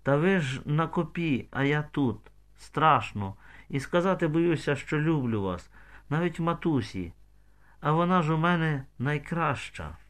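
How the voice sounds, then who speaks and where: A man's voice: a little high, lively intonation, unhurried, fairly bright tone, voice pushed up. A man voicing a young, frightened village girl in love, pleading and tearful, in an audiobook.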